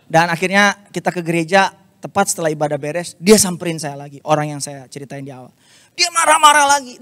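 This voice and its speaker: A man preaching a lively, confessional story-sermon, dropping English phrases in. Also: sits high, dry recording. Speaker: youth preacher.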